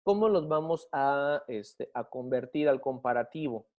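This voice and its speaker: A man's voice: mid-range voice, animated, phone-quality sound. Patient man teaching English grammar. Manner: patient, checks understanding with frequent questions; slows down to spell and model English words. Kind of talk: explaining grammar in a recorded class.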